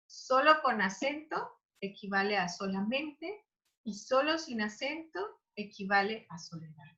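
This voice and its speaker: A woman's voice: mid-range voice, sharp tone. Woman teaching spelling, lo-fi sound. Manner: explanatory, with frequent fillers and restarts. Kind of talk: online grammar lesson. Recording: dull lo-fi recording.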